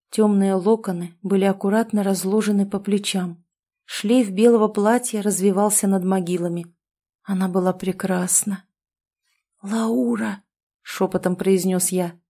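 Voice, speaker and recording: A woman reading a first-person gothic story aloud in a hushed, somber manner. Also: medium pitch. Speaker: audiobook reader.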